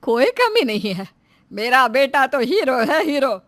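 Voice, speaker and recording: A woman voicing a caring middle-aged mother who fusses over her son in an animated moral story, speaking with an affectionate, motherly warmth. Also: sits high, unhurried, no echo, exaggerated voice. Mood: doting. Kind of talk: cartoon voice acting.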